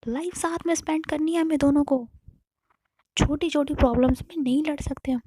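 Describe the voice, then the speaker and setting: A woman's voice: sits high, fairly quick, warm tone, a little hiss or hum, voice pushed up, close to an everyday voice. A woman storyteller voicing a young woman who coaxes and pleads with her upset partner. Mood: pleading.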